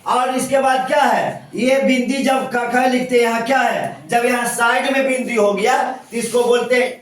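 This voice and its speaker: A man's voice: very high-pitched, steady tone, normal speed. A male teacher giving a classroom grammar lesson, asking questions and checking again and again that the students follow. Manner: repetitive question-and-answer teaching, constant checks for understanding. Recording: echoey classroom, mic far off.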